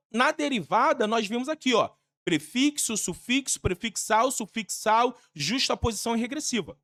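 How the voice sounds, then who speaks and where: A woman's voice: fairly high pitch, fairly bright tone. A woman with a Brazilian Portuguese accent gives an exam-prep grammar lesson. She is emphatic and repetitive and uses casual slang. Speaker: teacher.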